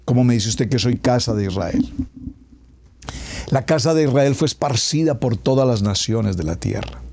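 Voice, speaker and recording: A middle-aged man preaching a radio sermon as a pastor, emphatic, stretching key words and dropping to a hush at climaxes. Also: mid-range voice, expressive, moderate pace, creaky, slight background noise. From Colombia.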